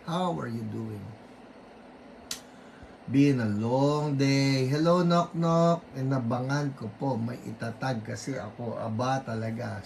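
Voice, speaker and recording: A Filipino man leads an online healing service at an unhurried pace, reading out viewers' names in a mix of Tagalog and English. He keeps his voice low to spare it, then breaks into firm prayers against sickness. A faint noise sits under the recording. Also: rough recording. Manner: greets viewers by name, mixing Tagalog and English; rebukes illnesses in forceful prayer bursts. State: keeping his voice low after weeks of voice trouble. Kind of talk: livestream greetings and prayer.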